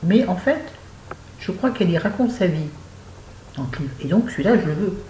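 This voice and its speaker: A woman's voice: on the low side, expressive, normal speed, warm tone. An older woman from France chatting about books in a rambling, self-mocking, exclamatory way, recorded at home. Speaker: book vlogger. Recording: echoey room with faint hum.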